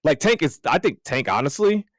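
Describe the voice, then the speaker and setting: A man co-hosting a casual gaming podcast, rambling and excitable, his voice jumping up high when he jokes. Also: brisk, dry recording, studio quality. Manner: excitable, rambling, jumps up in pitch when joking. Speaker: podcast co-host.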